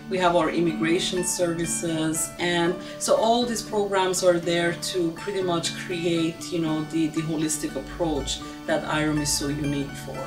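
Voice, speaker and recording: An earnest middle-aged woman speaks in a documentary interview, filling pauses with "um" and "you know". Her voice sits a little low. Music plays under her, and she sounds a bit distant from the mic. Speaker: refugee agency staff member.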